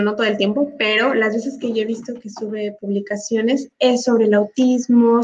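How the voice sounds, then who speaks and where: A woman hosting an interview, speaking in a friendly way to the listeners. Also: a little high. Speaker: host. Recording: slightly dull, lo-fi sound.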